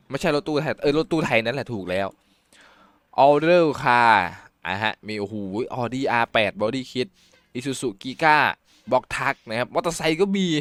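A man giving casual, excited commentary on a car game, exclaiming often and imitating engine sounds. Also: medium pitch, clean tone, no echo. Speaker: gameplay YouTuber.

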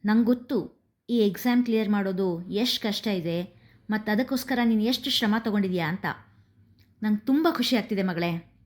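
A woman voicing a gentle, proud father reassuring his daughter in a story reading. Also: medium pitch, normal speed, close to an everyday voice. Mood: tender. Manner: tender, reassuring.

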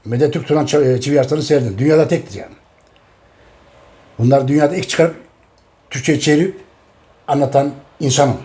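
A man's voice: mid-range voice, a little fast, long pauses, dark tone. A middle-aged man talking casually to his audience, emphatic and repeating each phrase. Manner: addresses his audience directly. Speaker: host. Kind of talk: casual talk.

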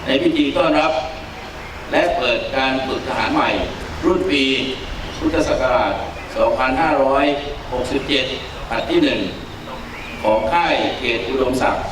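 A middle-aged man, a military officer, delivering a formal ceremonial speech phrase by phrase in a measured way. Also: mid-range voice. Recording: very echoey, distant mic, noisy.

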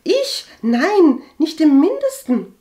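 A woman reading an audiobook and voicing a flustered, gossipy young cousin with a high, stammering, indignant voice. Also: sing-song, slow pace, mellow, heavily acted. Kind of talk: audiobook character voice.

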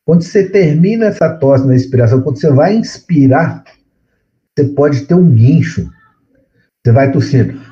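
A man's voice: mid-range voice, lively intonation, normal speed, dark tone, muffled recording. A man giving a medical lecture to students, explaining step by step and often checking in with tag questions. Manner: explanatory, repeats words for effect, frequent tag questions. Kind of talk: classroom lecture.

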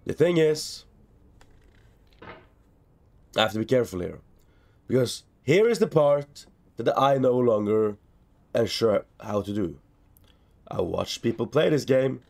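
A man's voice: mid-range voice, animated, slow pace, vocal fry, pauses often, darkish tone. Tipsy, swearing young man streaming a game. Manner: tipsy from drinking, rambling and repetitive; profane, exasperated outbursts. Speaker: streamer playing a video game. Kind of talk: live gameplay commentary.

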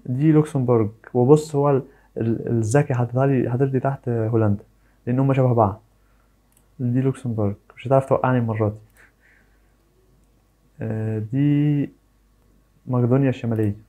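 An Egyptian man chatting casually as he works through a quiz. His voice is mellow and warm, and he thinks aloud, weighing his guesses and poking fun at himself when he misses. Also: medium pitch, steady tone, fast talker, pauses often, highs cut off. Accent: Egyptian Arabic. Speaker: YouTuber. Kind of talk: casual commentary on a flag quiz.

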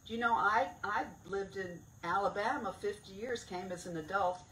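This informal outdoor talk comes from an older woman who directs a cave, speaking chattily and with digressions into a stand mic at a lectern under a tent near woods. She stresses key words in a mid-range, fairly bright voice at moderate pace, and a far-off camera records roomy sound with slight background noise.

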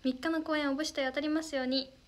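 A woman's voice: sits high, fairly even intonation, fast talker, slight background noise. A young woman hosting a casual livestream, reading viewer comments aloud in a bubbly, polite way and thanking them often. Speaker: idol livestream host.

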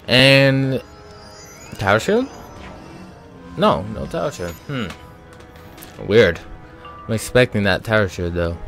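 A man's voice: lowish voice, a bit bright. A man giving casual let's-play commentary as a gaming channel host, thinking aloud with many ums and sighs.

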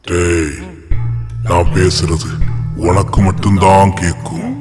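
An actor playing an unseen male ghost who warns one man in slow, looming tones. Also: little pitch movement. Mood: menacing. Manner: deep, slow, looming warnings. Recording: reverberant film sound with music.

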